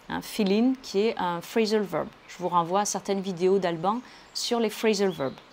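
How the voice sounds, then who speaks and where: Woman, English teacher, lower voice, careful explanations, faint background noise. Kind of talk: language lesson explanation.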